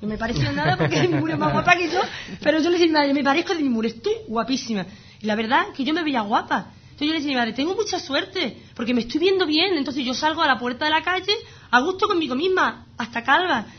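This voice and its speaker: Fast-talking high-voiced woman. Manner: animated, emphatic storytelling. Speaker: guest sharing her illness story. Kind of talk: casual conversation. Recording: slightly dull lo-fi sound.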